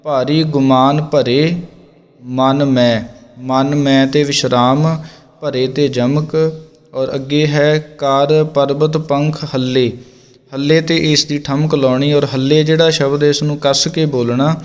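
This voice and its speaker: A man teaching scripture recitation, calmly explaining pronunciation line by line and sounding out words slowly and deliberately. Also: on the high side, long reverb tail.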